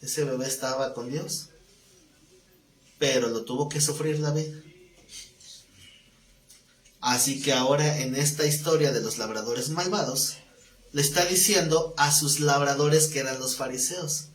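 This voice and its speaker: A man, a pastor teaching a live Bible class, telling stories in a lively way and asking the class questions. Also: mid-range voice, unhurried, pauses often. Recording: echoey room, faint background noise.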